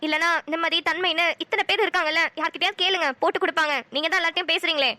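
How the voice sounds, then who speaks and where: A woman voicing an elderly wife and mother-in-law in a cartoon, warm-hearted but quick to scold. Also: extremely high pitch, steady tone, no echo. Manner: scolding, emotional. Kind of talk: cartoon dialogue.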